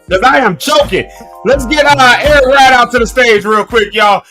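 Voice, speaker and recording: This thirties-aged morning show host talks to his livestream audience in a folksy, preachy manner, trying to hold back a cough. His voice is extremely high, bright and strained, yet he takes his time, and soft music can be heard behind him.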